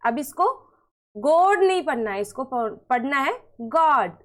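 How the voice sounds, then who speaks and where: High-voiced woman teaching pronunciation. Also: animated, fairly quick. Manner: repeats questions to the viewer and answers them; explains patiently and step by step. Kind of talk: Hindi-language English lesson.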